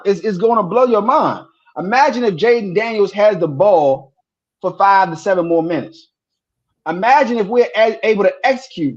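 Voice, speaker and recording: This man co-hosts a sports podcast, chatting casually and telling stories, repeating himself animatedly when he gets excited. His voice is high-pitched, and the recording sounds muffled.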